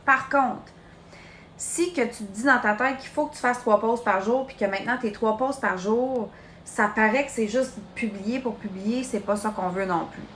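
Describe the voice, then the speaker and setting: A woman's voice: on the high side, a bit bright, roomy sound, slight background noise. A woman in her late twenties with a Québécois French accent, coaching her sales team in a chatty, direct live training. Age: late 20s. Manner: chatty, direct, addresses listener as "tu". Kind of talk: live social media training.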